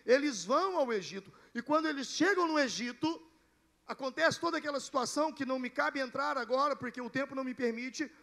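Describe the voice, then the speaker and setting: A man's voice: very high-pitched, fairly bright tone. A male pastor preaching a sermon, telling the story and building to emphatic declarations.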